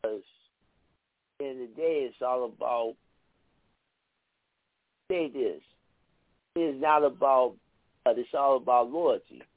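A man's voice: medium pitch, slow pace, long pauses, no room sound. A middle-aged man is heard calling in to a radio show over a thin, tinny phone line. He recites his lines earnestly and chats with small restarts. The sound is dry, with no room around it. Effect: heard over a phone line on a radio call-in show. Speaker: radio show caller and poet.

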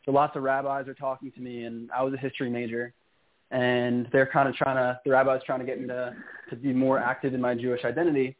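A young man from New York calls into a radio show, speaking earnestly and pausing on frequent ums. His voice sits at a middle pitch and comes through a narrow, tinny phone line. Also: little pitch movement, a little hiss or hum. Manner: earnest, hesitant with many ums. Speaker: guest. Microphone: phone call.

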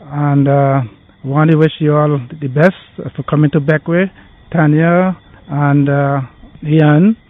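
A man's voice: fairly high pitch, level tone, takes it slowly, narrow, tinny audio. A man, a local giving a friendly greeting message to the show with some hesitations. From Bequia, Saint Vincent and the Grenadines.

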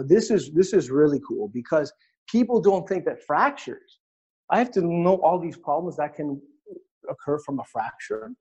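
A man's voice: fairly high pitch, darkish tone, husky. A man teaching a live webinar in a conversational way, demonstrating on an anatomy model as he explains. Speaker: webinar instructor.

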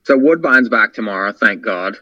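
A man's voice: lowish voice, animated, normal speed, sharp tone. A man talking casually as a panelist on a horse racing show. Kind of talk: casual chat. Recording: dull lo-fi sound.

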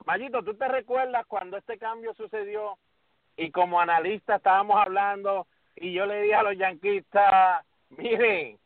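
A man hosting a casual sports podcast, talking in an animated way and calling his co-host by name. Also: sits high, moderate pace, no room sound. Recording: tinny phone-like audio.

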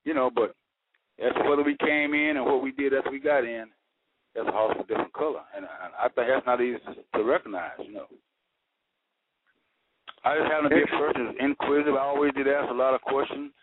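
A man's voice: mid-range voice, fast. A man calling into a radio show over the phone, talking in an earnest, folksy way with homespun sayings. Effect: heard over the phone. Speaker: radio call-in caller. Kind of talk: casual call-in talk. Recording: tinny phone line with static.

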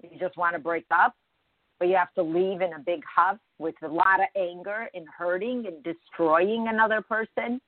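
A woman's voice: lowish voice, no room sound, narrow, tinny audio. A woman hosting a morning show, talking conversationally and emphatically straight to her listeners in a reflective spiritual monologue.

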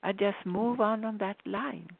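A woman's voice: medium pitch, gravelly, no room sound. A woman speaking as a spiritual guide in a soothing, repetitive way, moving between inspirational talk and guided relaxation. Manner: unhurried, soothing, repetitive phrasing. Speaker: spiritual author and meditation guide. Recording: dull, narrow phone-like sound.

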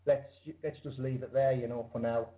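A man's voice: medium pitch, level tone, moderate pace, narrow, tinny audio. A man with a British accent, a musician giving a casual call-in interview. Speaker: interview guest, band musician. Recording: thin internet call line.

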